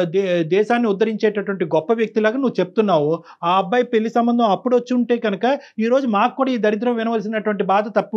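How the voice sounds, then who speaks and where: Stern fast-talking male counselor. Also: sits high, a little mellow, highs cut off. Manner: stern, preachy, repeats phrases for emphasis. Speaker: counselor on a call-in show. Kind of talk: lecturing advice to a caller.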